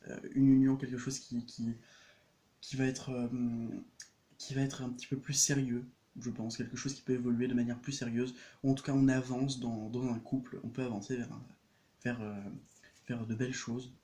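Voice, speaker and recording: A man doing a card reading, hesitant with many fillers and restarts, giving gentle, reassuring spiritual advice. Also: mid-range voice, flat delivery, moderate pace. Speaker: tarot card reader. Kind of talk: casual card-reading video.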